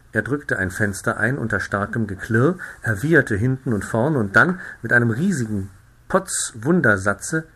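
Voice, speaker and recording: Male audiobook narrator, bright tone, lively classic storytelling. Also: lowish voice, slightly rough. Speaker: audiobook reader.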